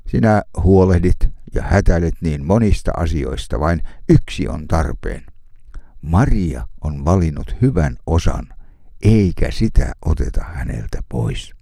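Deep-voiced solemn preacher. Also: male voice, mellow, no echo, studio quality. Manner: slow, measured reading with solemn pauses. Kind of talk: radio devotional sermon.

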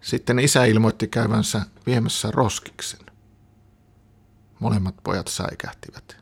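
A man calmly reading a children's story aloud. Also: lowish voice, gravelly, husky.

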